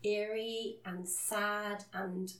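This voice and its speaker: A woman's voice: mid-range voice, level tone, extremely slow, fairly bright tone. A woman co-hosting a podcast, telling a story in a casual, earnest way and laughing at herself now and then. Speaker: podcast co-host. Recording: roomy, a bit distant from the mic.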